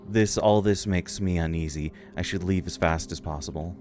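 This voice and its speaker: A man narrates a let's play, voicing the game's story text and adding his own comments while game music plays behind him. He speaks low at a moderate pace.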